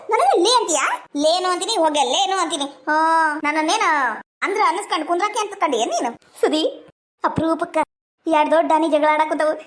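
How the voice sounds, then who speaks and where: A woman with a North Karnataka Kannada accent, performing a village comedy sketch in a bragging, quarrelsome manner. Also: very high voice. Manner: bragging, quarrelsome, playing several village women.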